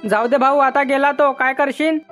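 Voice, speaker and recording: A man voicing a nagging, sharp-tongued older village mother in a cartoon, speaking. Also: very high voice, steady tone, moderate pace, music in the background. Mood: bossy. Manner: scolding, bossy.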